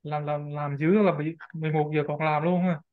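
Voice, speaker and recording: A man's voice: on the high side, little pitch movement, fast talker, no echo. A man from Huế chatting casually in a group call, often trailing off mid-sentence. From Huế, Vietnam. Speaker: session presenter. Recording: tinny phone-like call audio, dry.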